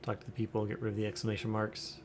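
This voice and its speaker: A man's voice: fairly low pitch, monotone, rapid-fire, noisy background. A man giving casual livestream commentary as he plays, with wry, sarcastic asides. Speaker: game streamer. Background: game music.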